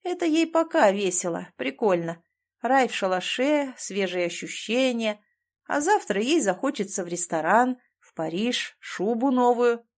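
A woman's voice: medium pitch, animated, a little slow, close to an everyday voice. A woman voicing an arrogant, threatening rich man in an audiobook, reading his lines in a sneering, taunting way. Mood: mocking.

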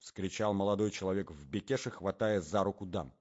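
A man narrating an audiobook in an animated, expressive storytelling manner, on a dull lo-fi recording. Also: sits low, a little fast, husky. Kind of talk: scripted narration.

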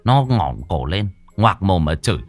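A man's voice: low voice, very animated, unhurried, faint music behind. A man narrating a story in a vivid, earthy way.

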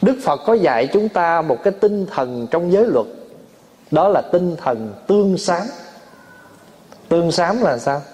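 Male monk, fairly high voice; sermon delivery with lively acted-out anecdotes. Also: unhurried, pauses often. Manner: storytelling, acts out family quarrels, laughs often. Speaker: Buddhist monk giving a dharma talk.

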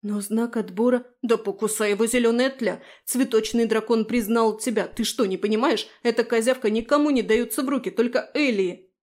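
An excitable, fussy male fairy flits about, his voice pitched a little high yet soft and mellow rather than bright. He blurts and exclaims, quick to sarcasm, as a woman reading the story puts him on. Storybook fairy, restless and loud. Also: close to an everyday voice. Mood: exasperated.

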